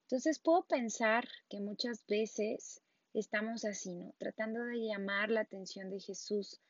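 A woman's voice: mid-range voice, unhurried, no room sound, dull audio. A woman gives a casual sermon, talking conversationally and often checking in with the listener. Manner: conversational, frequent tag questions and restarts. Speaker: preacher.

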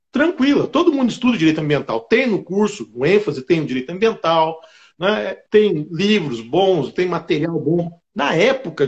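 A man's voice: sits high, dull audio. A middle-aged man from Brazil, a state attorney, telling a personal story in an interview, often adding "né". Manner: animated, fills with "né" often.

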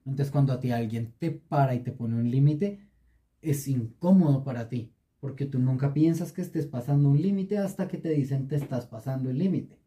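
A man's voice: mid-range voice, normal speed, mellow. A man co-hosting a casual podcast, swearing freely and arguing his point with lots of repeats. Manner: crude joking, argumentative, repeats himself. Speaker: podcast co-host.

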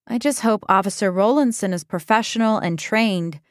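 A woman's voice: medium pitch, normal speed, no echo, clean studio sound, close to an everyday voice. A woman reading as an anxious young woman sleuth. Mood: uneasy.

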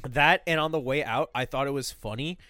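A man's voice: medium pitch, a little fast, pushed and bright, no room sound, faint music behind. A young man co-hosting a podcast in casual chat, telling rambling stories full of "like" and "dude" and swearing freely. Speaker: podcast co-host.

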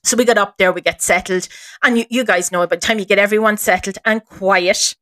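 A woman spins a lively story as a podcast guest, breaking into laughter every few sentences. Her voice sits in a middle register and is recorded close and dry, with no room around it. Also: medium pitch, fairly quick, no room sound. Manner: lively, laughs often while telling a story. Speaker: guest paranormal investigator. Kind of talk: animated storytelling in a podcast chat.

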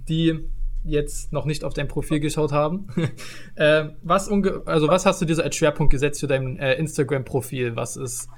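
A young man co-hosts a relaxed podcast, a touch high in pitch. He talks loosely, stumbling through fillers and laughing easily. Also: moderate pace. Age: young adult. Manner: hesitant, many fillers, laughs often. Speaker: podcast co-host. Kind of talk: casual podcast chat.

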